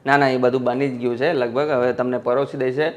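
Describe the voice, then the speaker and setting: An actor playing an agreeable, dutiful grown son in a Gujarati film drama. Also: male voice, mid-range voice, brisk, lightly acted. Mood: calm. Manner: flat, agreeable, brief replies. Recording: dull lo-fi sound.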